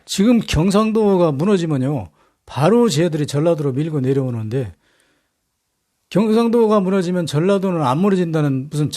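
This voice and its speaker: Fierce Joseon general, urgent and rough-spoken, warm low tone; male narrator voicing him. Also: lively intonation, moderate pace, natural voice. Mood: pleading. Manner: urgent pleading, then coarse cursing.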